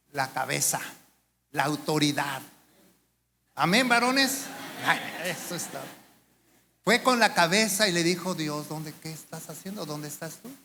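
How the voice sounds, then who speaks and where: A pastor preaches a lively sermon in a high, bright voice. He fires off rhetorical questions and slips into the voices of the people he quotes. His words ring through a church hall with a faint room hum behind them. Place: church sanctuary.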